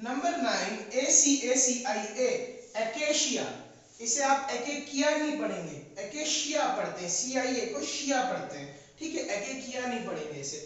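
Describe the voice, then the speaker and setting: A woman's voice: on the high side, animated, moderate pace. A woman teacher with an Indian English accent, giving an online lesson to young children, spelling words out letter by letter and repeating them. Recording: echoey, distant, dull sound.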